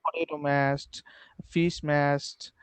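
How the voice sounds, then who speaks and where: A young man from Bangladesh, learning English, speaking haltingly with many fillers and restarts on a headset during a video call lesson. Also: a little high, little pitch movement, smooth, dry recording. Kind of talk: online English practice lesson. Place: small room at home, video call.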